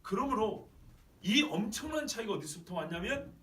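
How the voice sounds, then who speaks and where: A man's voice: high-pitched, sing-song, moderate pace, fairly bright tone. A man preaching a sermon as pastor, emphatic and often putting questions to his congregation. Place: church sanctuary. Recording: roomy church sound from a distant mic.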